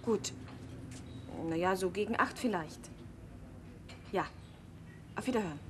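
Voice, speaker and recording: A young adult actress, lightly acting at a medium pitch and a slightly slow pace, plays the innkeeper's daughter, a waitress in a 1960s TV drama. Defiant and outspoken, she stands up to her father, and the old soundtrack carries a faint hiss.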